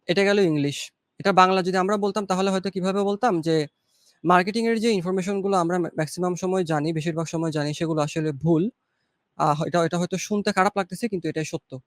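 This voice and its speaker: A man from Chittagong with a Bangladeshi accent, a guest giving relaxed, encouraging advice in a casual interview. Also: high voice, fast talker, no room sound, studio quality. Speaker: guest graphic designer.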